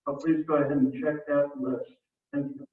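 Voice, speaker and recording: A man making a polite announcement to teachers over a school intercom loudspeaker. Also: on the high side, big pitch swings, moderate pace, far from the mic. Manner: polite, apologetic. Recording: tinny, echoey loudspeaker heard from across a classroom.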